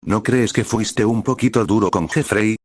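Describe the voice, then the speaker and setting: A man voicing a simple, cheerful teenage girl in a naive, gentle way, in his own low voice. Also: moderate pace, no echo, clean studio sound, close to an everyday voice.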